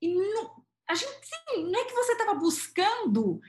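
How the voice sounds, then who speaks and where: A woman's voice: very high voice, big pitch swings, normal speed, a little mellow, slight background noise. A woman hosting a casual conversation, reflective and searching for her words. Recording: echoey room.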